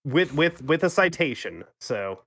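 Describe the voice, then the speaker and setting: Slightly high-voiced man reading wryly. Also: sing-song, a little slow, fairly bright tone, breathy edge. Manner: dismayed, wry groans between reading. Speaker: podcast co-host. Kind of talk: casual chat, reading a synopsis aloud.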